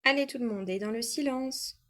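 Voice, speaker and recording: A woman voicing a kind but firm female schoolteacher in a toy play-acting story, brisk and directive. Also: a little high, a bit bright, lightly acted.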